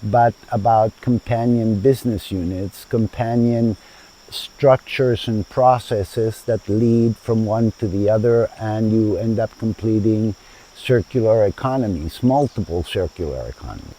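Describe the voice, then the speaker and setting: A man's voice: on the low side, unhurried, warm tone, rough recording. A man in his seventies from Chile, the founder of a sustainable community, giving thoughtful interview answers in a garden with frequent hesitations. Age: 70s. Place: outdoors in a garden.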